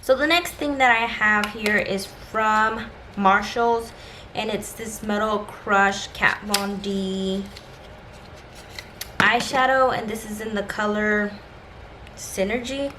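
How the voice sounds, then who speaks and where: A woman's voice: medium pitch, steady tone, takes it slowly. Woman, mid-range voice, informal beauty vlogger, conversational haul review, addresses viewers directly, faint background noise. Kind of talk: casual chatty shopping haul review to camera.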